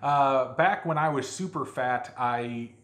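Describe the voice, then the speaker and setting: A man's voice: medium pitch, takes it slowly, fairly bright tone. A man co-hosting a food vlog, chatting casually with jokes and rambling fillers. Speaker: vlog co-host. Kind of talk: casual chat. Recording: echoey room.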